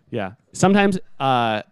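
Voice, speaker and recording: Brief: male co-host, swingy expressive pitch, dry mic, sassy cursing storyteller. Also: smooth, no room sound. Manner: sassy, swears, acts out both sides of stories. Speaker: podcast co-host, server. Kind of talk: casual storytelling chat.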